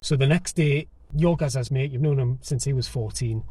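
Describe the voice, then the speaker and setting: A man with a mid-range voice hosts a documentary podcast. He puts questions to his guests and reads his scripted narration clearly, at a measured, steady pace. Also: mid-range voice, no echo. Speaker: podcast host and reporter.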